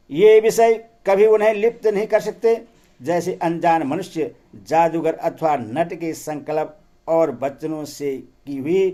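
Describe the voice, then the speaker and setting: Man, devotional scripture reading, solemn measured recitation, slightly high voice, unhurried. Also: a little mellow. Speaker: scripture reader.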